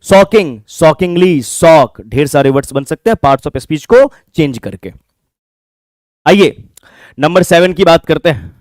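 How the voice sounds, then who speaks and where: A man teaches English for an exam in a classroom lecture, explaining step by step and posing questions he then answers himself. His voice is slightly high, expressive, and a bit mellow, at normal speed, captured in a dry, studio-quality recording.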